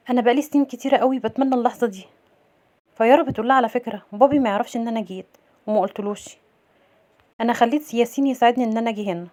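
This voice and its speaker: Very fast-talking Egyptian woman. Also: a little high. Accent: Egyptian Arabic. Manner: retells scenes with quoted dialogue in an even voice. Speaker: series recap narrator. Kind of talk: casual episode recap narration.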